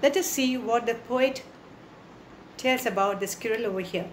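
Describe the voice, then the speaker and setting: A woman's voice: a little high, moderate pace, echoey room, slight background noise. A woman teacher with an Indian English accent, explaining a poem to her class, repeating lines and asking the children questions.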